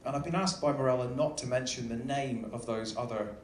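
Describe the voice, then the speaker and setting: Acting as an upbeat cruise director, a man gives a joking welcome speech into a stage microphone before a live audience in a large indoor ship venue. His voice is medium-pitched, a bit fast and darkish, and the recording has a roomy echo with faint background noise.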